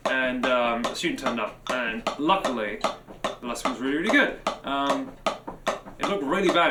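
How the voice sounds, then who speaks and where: A man's voice: medium pitch, very noisy. A man who teaches drums, chatting casually on a live stream while practicing, musing aloud and chanting counts and drum syllables. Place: room with drum kit. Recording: roomy live stream with loud clattering percussion.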